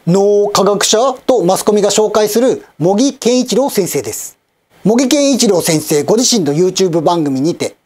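A man in his fifties hosting a channel, giving polite, measured, scripted news-style commentary with wry asides. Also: high voice, a little mellow. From Japan, Osaka and Kochi.

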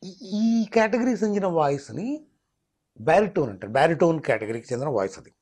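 A man's voice: on the high side, lively intonation, fairly quick, darkish tone. A mimicry artist, explaining his craft in an interview and slipping into demonstration voices. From Telangana, India.

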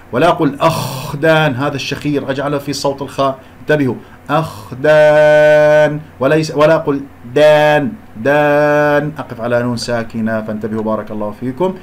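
A man teaching Quran recitation rules, switching between quick explanations and slow, drawn-out recited examples broken into syllables. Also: medium pitch, slight background noise. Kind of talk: tajweed lesson, explaining and demonstrating recitation.

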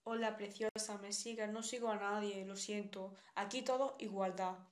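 On a casual live stream, a young Spanish woman with a Spanish accent talks bluntly to viewers and reads out what they comment. Her voice is medium-pitched, with fairly even intonation and a moderate pace.

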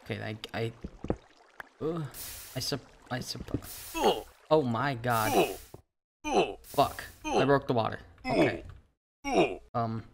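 A man hosting a casual game commentary who swears a lot and swings from panic back to calm. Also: mid-range voice, takes it slowly, vocal fry, pauses often, slight background noise. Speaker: gaming channel host. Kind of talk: casual let's-play commentary.

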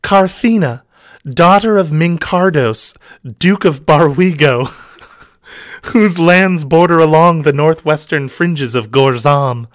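A man's voice: on the high side, slow pace, no echo, clean studio sound, voice pushed up. A man putting on a sultry noblewoman. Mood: mock sultry.

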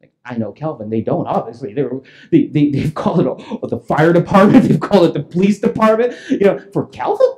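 A man's voice: fairly high pitch, lively intonation, brisk, darkish tone. A male pastor telling a story in a sermon, chuckling as he goes.

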